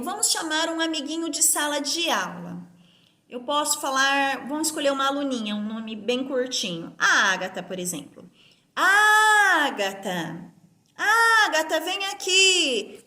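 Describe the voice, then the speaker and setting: A woman teaching a recorded lesson to young pupils, explaining clearly and stressing syllables aloud. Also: high voice, pushed and bright. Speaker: schoolteacher. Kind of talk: remote class lesson. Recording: echoey room.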